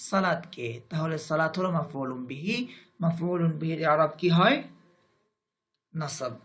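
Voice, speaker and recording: Man, high-pitched, Bangladeshi Bengali accent, grammar lesson, slow deliberate repetition. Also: fairly bright tone. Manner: slow, deliberate, repeats Arabic phrases then translates them. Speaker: Arabic grammar teacher.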